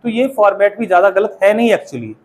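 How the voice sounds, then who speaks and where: A man with an Indian accent runs a spoken English class, frequently quizzing the students and getting them to repeat after him. His voice is high, his intonation lively, and he talks fairly quickly.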